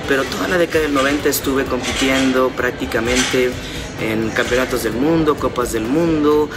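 Man, 40s, Mexican accent, measured, hesitant, mid-pitched, loud music behind. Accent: Mexican Spanish. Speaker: interview guest, retired athlete. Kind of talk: casual interview. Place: indoors, large stone-walled public building.

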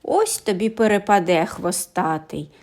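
A woman's voice: medium pitch, expressive, darkish tone. A woman voicing a bossy giggling baby dragon. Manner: giggly, teasing and bossy, drawn-out threats. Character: mischievous little female orange dragon, ringleader. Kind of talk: audiobook fairy tale reading.

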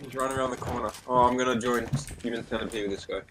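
A man's voice: medium pitch, fairly even intonation, rapid-fire. A young man teasing and swearing with friends during a game. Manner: crude, teasing. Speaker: gaming friend. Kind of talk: casual gaming chat. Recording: noisy voice chat.

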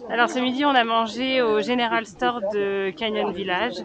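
A man narrating his road trip in a relaxed, chatty vlog style, with fillers. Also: extremely high pitch, normal speed, crowd noise. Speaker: travel vlogger. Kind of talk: casual travel vlog narration. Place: outdoors at a national park. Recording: dull lo-fi sound with loud noise.

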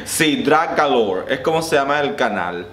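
A man giving playful, bawdy reaction commentary as a drag queen, laughing often and swinging between high squeals and low purrs. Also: bright, forceful tone, reverberant.

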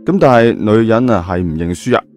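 Over soft background music, a man tells a story briskly in a mellow, fairly low voice with a Cantonese accent. His delivery is dramatic and colloquial, sprinkled with chatty asides.

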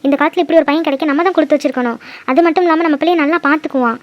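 A woman voicing a middle-aged village wife and mother in a cartoon drama, speaking gently and deferentially to her husband. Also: high-pitched, rapid-fire, no echo, muffled recording, natural voice. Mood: pleading.

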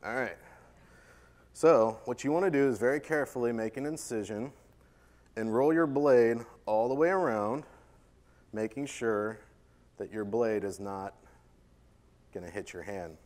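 Joking chef doing a live cooking demo. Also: male voice, mid-range voice, a little slow, pauses often, darkish tone. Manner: joking, chatty, self-deprecating, playful with the audience. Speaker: chef giving a cooking demonstration. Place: conference stage before an audience.

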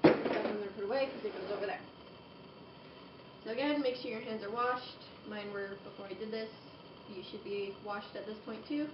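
Recorded by a camera on the far side of the room, the audio is roomy, distant and dull, with the hiss of home video. In it, a young woman of medium pitch and moderate pace narrates a casual cooking demonstration at home, chatting and joking playfully as she goes.

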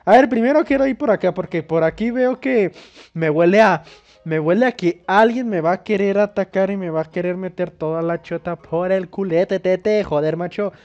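A man's voice: sits high, moderate pace, a little mellow. A young Mexican man playing a video game, reading its dialogue aloud and cracking crude jokes with lots of swearing. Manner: crude, joking, swears a lot. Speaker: gaming YouTuber. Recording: dull lo-fi mic with faint game music.

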